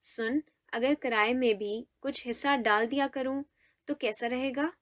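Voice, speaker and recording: A woman's voice: on the high side, steady tone, close to an everyday voice. A woman voicing a playful young man, a student friend who teases his buddy. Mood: teasing. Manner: playful, teasing banter.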